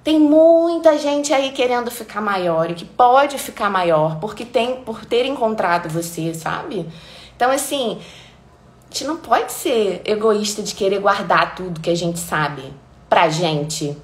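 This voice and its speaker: A woman from Brazil hosting a casual motivational live stream, animated and acting out little quoted voices, still warm and sweaty from dancing. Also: medium pitch, measured pace. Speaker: live-stream host giving advice. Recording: roomy echo.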